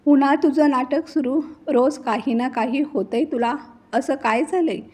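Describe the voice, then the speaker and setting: A woman's voice: high-pitched, normal speed, darkish tone, close to an everyday voice. A woman doing a nagging older mother-in-law. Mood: scolding. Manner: scolding, taunting. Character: sharp-tongued older mother-in-law, always grumbling.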